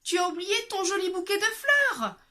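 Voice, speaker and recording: Brief: a woman playing a calm mama bear, slow and measured, storybook style. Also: very high-pitched, voice pushed up, exaggerated voice.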